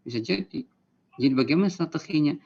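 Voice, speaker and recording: Gravelly male lecturer, lo-fi recording. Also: a little high, lively intonation, quick pace, darkish tone. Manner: explanatory, gives everyday examples, acts out short quotes. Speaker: university lecturer.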